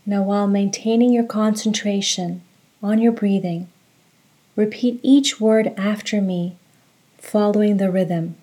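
In a mellow, soft-edged voice pitched in the middle range, a woman leads a guided meditation. She talks very slowly and calmly, giving each instruction in a measured way as she narrates and recites.

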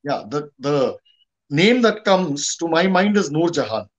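A man with a distinctly high-pitched voice and an Indian accent speaks as a guest commentator. He talks conversationally, halting often and repeating phrases to drive them home. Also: sing-song, highs cut off. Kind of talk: conversational history and politics discussion.

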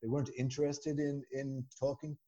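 A man with a west of Ireland accent, telling stories as a chatty, animated guest in a casual conversation. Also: medium pitch, moderate pace, highs cut off. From Galway, west of Ireland. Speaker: podcast guest.

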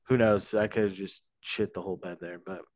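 A man hosting a casual sports podcast, talking in an animated, joking way with rambling asides. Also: low voice, brisk, no room sound. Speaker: podcast host.

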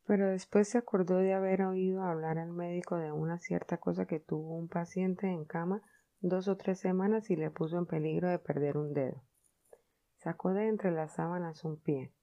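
A woman narrating a classic novel as an audiobook, measured and expressive. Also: fairly low pitch, lo-fi sound. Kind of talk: storybook reading.

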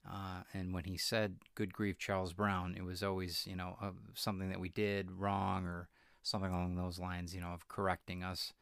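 Deep, flat-voiced male podcast host. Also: gravelly, clean tone, no echo, studio quality. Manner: halting, with many fillers and restarts. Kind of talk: reflective solo podcast talk.

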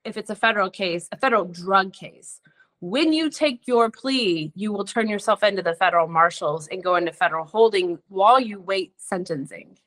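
A woman's voice: mid-range voice, moderate pace, a bit bright. A woman on a podcast frankly telling her own story in a chatty way, often slipping into quoted dialogue. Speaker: podcast guest. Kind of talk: candid personal storytelling.

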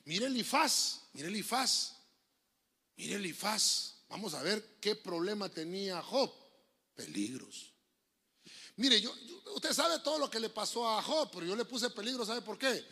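A middle-aged man with a Honduran Spanish accent, preaching a lively sermon, telling jokes and stories and acting out voices. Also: high voice, normal speed, slightly rough. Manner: joking, storytelling preacher, acts out voices. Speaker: pastor.

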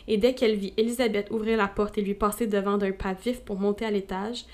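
A woman podcast host reading a classic novel aloud as audiobook narration, steady with playful asides. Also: a little high.

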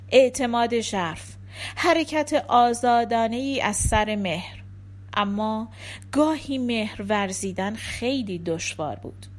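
A woman narrating an audiobook in the first person, reading at a measured, calm pace. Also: fairly high pitch.

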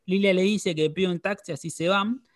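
A man's voice: sits high, fairly even intonation, normal speed. A man with a Rioplatense Spanish accent, co-hosting a podcast and summarizing an episode in casual chat. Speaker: podcast co-host.

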